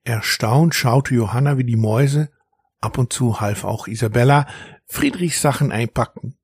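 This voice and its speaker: Gravelly man reading a children's story. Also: medium pitch, normal speed, no echo, clean studio sound. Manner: expressive, storytelling. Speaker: narrator.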